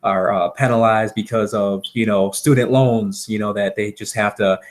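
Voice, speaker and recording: A Wisconsin man with an American Upper Midwest accent works as a real estate seller pitching to a homeowner in a conversational phone sales call. His tone stays steady while he talks haltingly and agreeably, repeating words as he goes.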